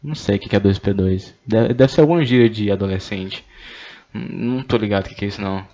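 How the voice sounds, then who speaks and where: A man's voice: on the low side, quick pace, mellow, muffled recording. A young man, reading questions aloud and joking, stammering and swearing as he goes. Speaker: streamer reading anonymous questions. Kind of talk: casual chat.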